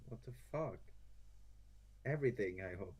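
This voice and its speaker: A man's voice: on the low side, lively intonation, moderate pace, darkish tone, slightly rough. A man chatting casually during a live game stream, hesitant and full of fillers. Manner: laid-back, hesitant, many fillers. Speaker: co-host.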